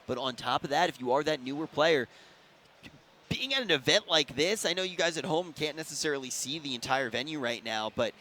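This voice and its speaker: Fast, bright-voiced young esports caster. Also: male voice, a little high. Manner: energetic, excitable, talks over co-host. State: slightly strained voice. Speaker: esports commentator. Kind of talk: live esports commentary.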